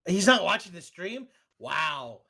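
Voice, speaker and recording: A man's voice: high voice, big pitch swings, a little slow, vocal fry, pushed and bright, slightly rough. A man co-hosting a casual film podcast, joking around and laughing easily. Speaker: podcast co-host. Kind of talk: casual chat.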